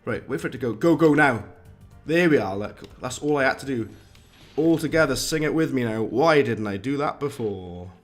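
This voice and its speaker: Chatty streamer, joking. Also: male voice, mid-range voice, a little fast, faint music behind. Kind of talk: casual live-stream commentary.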